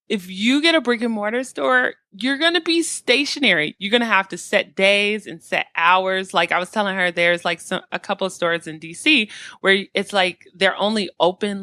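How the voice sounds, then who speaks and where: A woman's voice: medium pitch, bright, forceful tone, no room sound, studio quality. A woman co-hosting a podcast, chatting casually and filling her talk with "like" and "you know". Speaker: podcast co-host. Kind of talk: casual chat.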